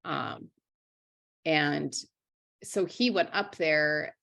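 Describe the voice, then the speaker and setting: A young woman from Minnesota speaks low in her range and candidly in a conversational interview. She restarts her sentences and fills pauses with "um" and "you know.". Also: vocal fry, fairly bright tone. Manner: frank and candid, restarts sentences, many fillers. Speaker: interview guest, writer and journalist.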